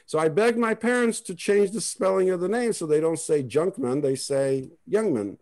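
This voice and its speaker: A man's voice: high voice, normal speed, a little mellow. A man from Israel, giving a rambling, conversational family history talk on a video call. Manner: rambling, conversational, many restarts. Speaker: presenter.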